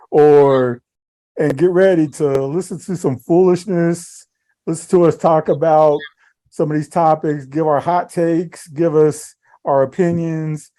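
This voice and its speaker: Laid-back man with a mellow voice. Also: a little high. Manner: laid-back, rambling, laughs easily. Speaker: podcast co-host. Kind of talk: casual chat.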